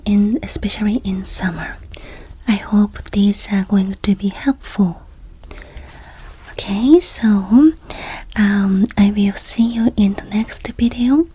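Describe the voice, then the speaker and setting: A Japanese woman with a Japanese accent whispering gentle, reassuring travel tips as the host of an ASMR channel. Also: medium pitch, husky, rough recording. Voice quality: soft whisper throughout. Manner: gentle and reassuring, checks in with the listener.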